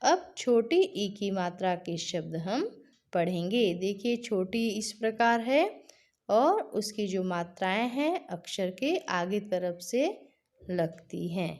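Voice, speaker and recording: A woman's voice: medium pitch, lively intonation, slow, a little mellow. A woman teacher giving a patient reading lesson for children, carefully stretching out each example word.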